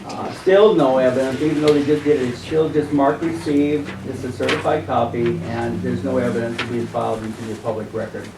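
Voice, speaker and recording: American male citizen presenter, formal and deliberate read-aloud delivery, distant roomy recording with faint noise. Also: medium pitch, steady tone. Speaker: citizen presenter at a county commissioners meeting. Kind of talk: formal public statement read from prepared text.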